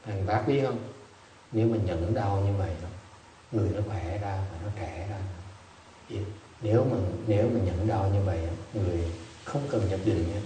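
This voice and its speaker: A man gives a dharma talk in a meditation hall, telling stories with a joking streak. His voice is mellow and dark, picked up from a distance. The room adds a roomy echo over a faint hiss. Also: low-pitched, normal speed. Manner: joking, anecdotal storytelling. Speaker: Buddhist meditation teacher.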